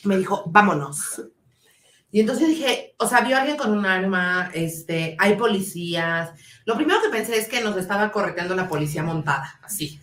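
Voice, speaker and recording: A woman with a Mexican accent, co-hosting a podcast and recounting a story in a relaxed, chatty way. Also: medium pitch, brisk, reverberant. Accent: Mexican Spanish. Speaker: podcast co-host. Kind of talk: casual chat.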